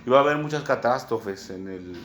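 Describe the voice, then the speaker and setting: A man with a Mexican accent preaching a sermon, teaching slowly and often checking in with "¿verdad?". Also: medium pitch, animated, heavy background noise. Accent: Mexican Spanish. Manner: unhurried teaching tone, many "¿verdad?" asides, spells words out.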